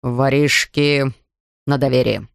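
A woman voicing a calm, knowing male policeman who explains things in a storybook. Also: a bass voice, creaky, no room sound, studio quality, voice pushed down, heavily acted. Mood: explanatory. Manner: measured and explanatory.

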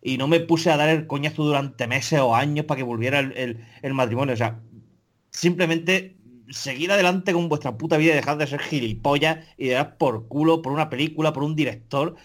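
A man's voice: on the high side, fairly quick. A man, a podcast co-host ranting in casual chat, profane and exasperated, full of restarts.

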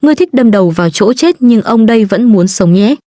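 A woman's voice: a little high, animated, a little fast, mellow, no room sound, studio quality, close to an everyday voice. A woman voicing a rude, bossy male soldier captain who barks orders, in a read-aloud story. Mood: gruff. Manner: barking, scornful.

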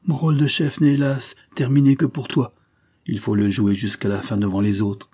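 Man doing older sea captain, emphatic, raised voice, husky. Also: medium pitch, level tone, moderate pace, dark tone, dry recording, studio quality, close to an everyday voice. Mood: sorrowful. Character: ship captain, older man, impassioned and grieving.

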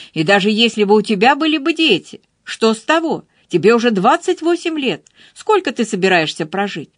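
A woman doing a scolding female friend, exasperated, emphatic, high and lively. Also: no room sound, clean studio sound, heavily acted.

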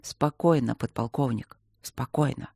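A man voicing a calm, sardonic officer who speaks slowly, evenly and quietly. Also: a little high, no echo, studio quality, lightly acted. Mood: calm, measured. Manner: slow, measured, even.

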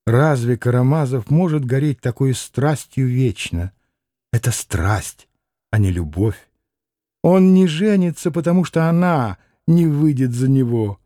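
A man's voice: mid-range voice, lively intonation, a little slow, dark tone, no room sound, studio quality, close to an everyday voice. A man reading an audiobook voices a proud, anguished young noblewoman who pleads and exclaims passionately. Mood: bitter. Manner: impassioned, pleading, rising to exclamations.

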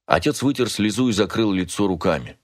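A man narrating a novel in a measured, dramatic storytelling manner, close to the mic. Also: on the low side, animated, no echo. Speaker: audiobook narrator.

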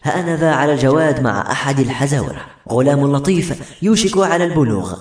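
A man narrating a novel aloud in a dramatic, expressive audiobook reading. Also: mid-range voice, fast. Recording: roomy echo.

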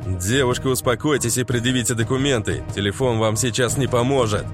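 A man's voice: medium pitch, a little fast, over music, pitched below the performer's own voice, lightly acted. A man voicing a curt soldier at a checkpoint in an audiobook, speaking in a clipped, official way.

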